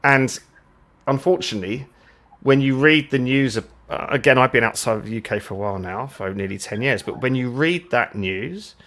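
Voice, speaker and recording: At a moderate pace and with a fairly bright, mid-range voice, a man from the United Kingdom rambles as co-host of a casual live chat. He keeps repeating words while searching for his point.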